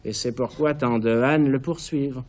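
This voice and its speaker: Male reader as a calm, reasoning male conspirator with a measured delivery. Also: medium pitch, close to an everyday voice. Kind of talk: author reading his play aloud.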